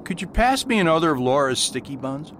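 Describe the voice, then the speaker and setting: Man playing Father Brown, courteous priest, very lively intonation. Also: a little fast. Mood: gentle. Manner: courteous, formal. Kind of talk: amateur radio play acting. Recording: faint background rumble.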